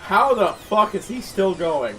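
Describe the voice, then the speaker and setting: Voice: mid-range voice, big pitch swings, unhurried, pushed and bright, far from the mic. A streamer giving casual let's play commentary, swearing and reacting aloud to the game. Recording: voice set back from mic, game music behind.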